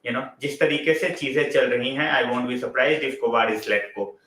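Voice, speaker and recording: Man, Indian English accent, casual live-stream host, chatty, bright voice, roomy echo. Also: medium pitch, rapid-fire. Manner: chatty, mixes Hindi into English, reads out and greets viewers by name.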